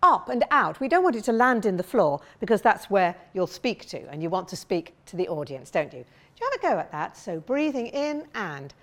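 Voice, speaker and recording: A woman voice coach leading a vocal warm-up, encouraging and demonstrating sounds with big slides and shouts. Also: medium pitch, very animated, moderate pace, a little hiss or hum.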